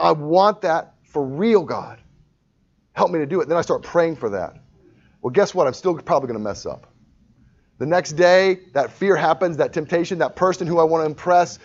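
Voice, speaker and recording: Conversational man preaching a sermon, slightly high. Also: dull audio. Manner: conversational, self-deprecating, with frequent restarts and acted-out quotes. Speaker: pastor.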